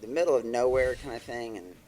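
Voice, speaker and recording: A man in his thirties from Texas, whose Texan accent has mostly faded, rambles casually as a podcast guest. He owns a record label and manages artists, and his mid-range, darkish voice moves a little fast, full of fillers and restarts.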